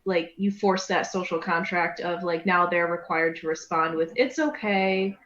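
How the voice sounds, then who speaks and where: A woman's voice: lowish voice, little pitch movement, moderate pace, a bit bright. A woman co-hosting a podcast who works as a therapist, talking casually and explaining at length with lots of fillers. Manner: talkative, explains with many fillers. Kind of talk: casual chat. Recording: roomy, dull, slight hiss.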